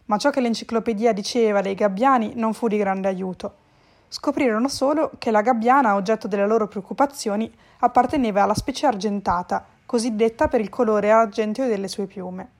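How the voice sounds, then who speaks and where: A woman narrating a storybook chapter in a clear, even reading voice. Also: mid-range voice, a little fast. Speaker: audiobook reader.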